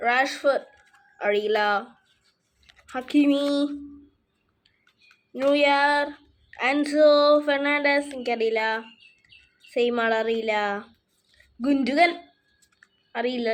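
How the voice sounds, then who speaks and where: A woman chatting casually in a show-and-tell vlog, reading names off her cards one by one. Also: sits high. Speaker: vlogger showing her card collection.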